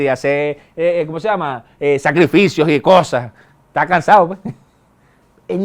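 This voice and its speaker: High-voiced pastor preaching. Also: male voice. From Venezuela. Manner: conversational preaching with colloquial asides and quick bursts. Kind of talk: sermon.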